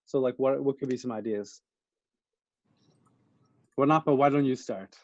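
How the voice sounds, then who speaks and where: A man's voice: medium pitch, normal speed, a little mellow, no room sound. A man from the United States co-hosting a casual podcast chat, steering the talk with questions. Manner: chatty, leading the questions. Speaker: podcast co-host. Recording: dull, dry sound.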